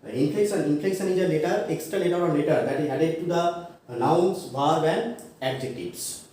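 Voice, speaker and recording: A man giving a college English grammar lecture, halting with many fillers and self-corrections, spelling words out letter by letter. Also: a little high, a little mellow. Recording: echoey room, mic far off, faint noise.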